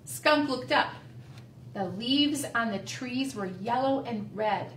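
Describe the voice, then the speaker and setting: A woman librarian reading a storybook aloud to children, gentle and expressive, in a library. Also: a little high, takes it slowly, slight background noise. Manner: sing-song, gentle, expressive. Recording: roomy, distant mic.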